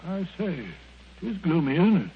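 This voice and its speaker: An actor playing a loyal, mild British doctor sidekick, polite and flustered, in an old radio drama. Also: male voice, high-pitched, expressive, normal speed, background noise. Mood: startled. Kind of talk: 1940s radio acting. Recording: dull old radio recording.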